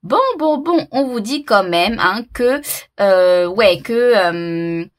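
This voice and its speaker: A woman's voice: medium pitch, lively intonation, slow pace. A woman doing a casual tarot reading to camera, talking hesitantly with lots of fillers and repeated words, and laughing at herself. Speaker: tarot reader.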